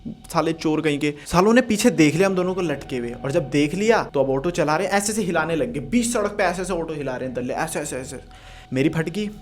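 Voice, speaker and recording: Young guy telling a story, slightly high voice. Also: expressive, brisk, soft background music. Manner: swears freely and chuckles while telling a story. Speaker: storytime vlogger. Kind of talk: casual storytelling.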